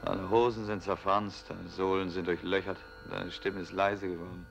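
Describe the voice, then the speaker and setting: Low-voiced man, bitter dramatic reading. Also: little pitch movement, normal speed, vocal fry, muffled recording, faint music behind. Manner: bitter, despairing, often hushed, rising to anguished cries. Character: Beckmann, despairing war-returned man. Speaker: reader of a stage play.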